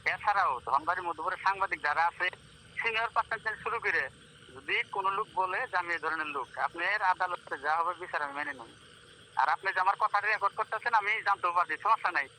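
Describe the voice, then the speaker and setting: A local journalist with a Bangladeshi accent speaks high-pitched and fairly fast, his tone sharp, as he insists on his side over a slightly noisy phone line. Earnest and persistent, he addresses the listener as brother while defending himself.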